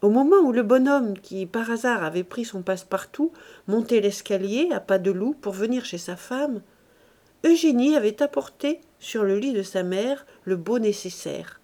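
A woman reads a classic novel aloud in a measured, expressive way. Her voice is somewhat high yet mellow and soft-edged. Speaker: narrator. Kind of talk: audiobook narration of a classic novel.

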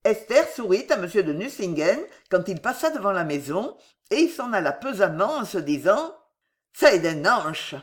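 Une femme qui lit un roman classique d'une voix calme et mesurée. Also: female voice, medium pitch, moderate pace. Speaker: audiobook reader. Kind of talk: scripted literary narration.

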